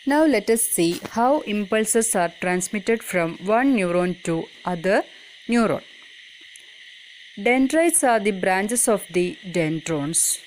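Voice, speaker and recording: A woman's voice: mid-range voice, slight background noise, low-quality recording. A woman reading a scripted educational narration for a school lesson. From Kerala, India.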